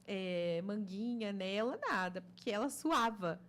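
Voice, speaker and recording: A woman from Brazil hosting a casual chat, animated and self-deprecating, often breaking off mid-word. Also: medium pitch, measured pace.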